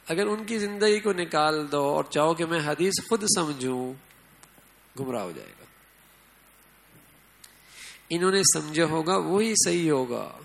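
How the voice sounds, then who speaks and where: A man's voice: fairly high pitch, vocal fry, a bit bright, poor audio. A man preaching an Islamic sermon in a conversational way, often asking the listeners and acting out quoted lines with stress. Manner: conversational, asks the audience often.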